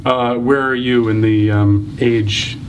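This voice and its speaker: A man's voice: medium pitch, fairly even intonation, a little hiss or hum. Playful man in his thirties asking questions. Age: 30s. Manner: playful, teasing, quick questions. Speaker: interviewer. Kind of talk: casual interview. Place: elevator.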